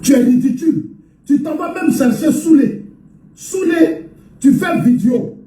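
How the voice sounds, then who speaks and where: High, dark-toned man shouting accusations. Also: measured pace. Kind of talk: angry recorded video statement. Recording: echoey, far from mic, faint noise.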